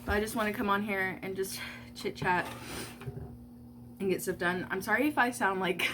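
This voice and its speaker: Against a noisy background, a congested woman in her early twenties with a stuffy nose chats through a casual get-ready-with-me vlog while doing her makeup at home. Her medium-pitched voice moves at normal speed as she rambles, leans on fillers, and swears casually.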